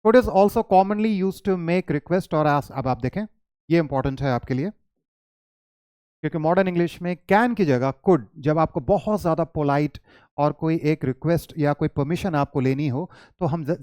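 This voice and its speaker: Male English teacher, explaining in Hindi, slightly high voice, dry close recording, slow stressed examples. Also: darkish tone, clear, resonant tone, dry recording. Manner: stretches English example sentences very slowly and stressed.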